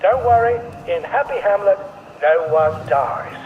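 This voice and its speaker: Brief: chipper camp announcer on a loudspeaker, high and sing-song, heard far off. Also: male voice, animated, measured pace, phone-quality sound. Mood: cheery announcing. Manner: upbeat announcing tone. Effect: over a camp loudspeaker. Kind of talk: video game voice acting. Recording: distant loudspeaker with background noise.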